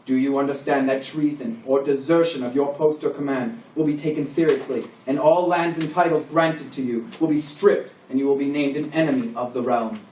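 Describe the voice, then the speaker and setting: A man's voice: medium pitch, steady tone, a little fast, few pauses, darkish tone, lightly acted. Man playing a grand medieval king, roomy sound. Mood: stern. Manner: grand, formal, declamatory. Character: solemn, proud medieval king knighting his men. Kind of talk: ceremonial scripted speech. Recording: roomy, distant microphone, faint background noise.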